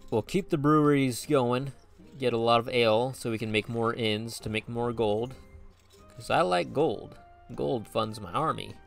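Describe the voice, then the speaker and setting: A man's voice: mid-range voice, unhurried, vocal fry, soft background music. A man hosting a gaming video, giving casual, playful commentary as he thinks aloud while playing a strategy game. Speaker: gaming channel host.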